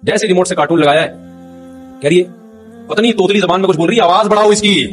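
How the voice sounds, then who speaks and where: A middle-aged male cleric delivers an informal religious talk at a quick clip, his voice sitting high. He tells funny anecdotes and chuckles through them, with faint music underneath. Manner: humorous, anecdotal, chuckles while telling stories. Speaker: Islamic cleric giving a talk.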